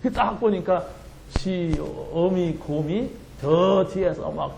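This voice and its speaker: A man preaching a sermon as pastor, telling a story with animated, laughing delivery. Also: sits high, takes it slowly, vocal fry, echoey room, noisy background. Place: church sanctuary.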